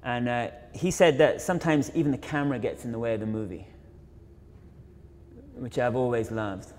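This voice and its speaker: A young man speaks in a middle-pitched voice, thinking aloud as he lectures, with frequent fillers and restarts. His words ring with the long reverb of a large university auditorium. The tone is an informal illustrated talk by a photographer. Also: normal speed, a little mellow. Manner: reflective, many fillers and self-corrections. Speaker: photographer and filmmaker giving a lecture.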